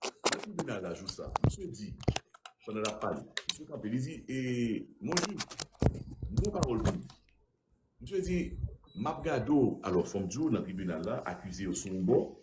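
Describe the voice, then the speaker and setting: A man's voice: mid-range voice, moderate pace, roomy sound, very noisy. A man retelling a court testimony in casual talk, repeating phrases as he goes. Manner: repetitive, animated retelling.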